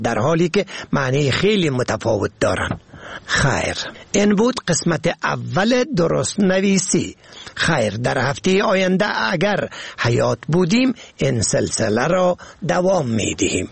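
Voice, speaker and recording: A man reading a pronunciation lesson on radio, slow and deliberate, spelling words out letter by letter. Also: a little high, vocal fry, slightly rough, no room sound.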